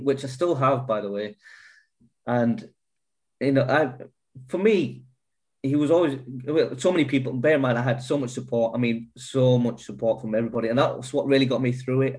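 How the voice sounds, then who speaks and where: A man's voice: mid-range voice, a little mellow. Earnest man telling his story. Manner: earnest, swears freely, many restarts. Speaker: guest. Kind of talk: candid personal storytelling.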